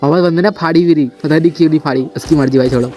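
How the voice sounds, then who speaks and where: A man's voice: on the high side, very fast, dark tone, faint music behind. A man giving casual, chatty voice-over commentary on his own shooter match, playful and self-mocking, talking straight to his viewers. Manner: chatty, keeps addressing viewers as brother. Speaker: gameplay commentator.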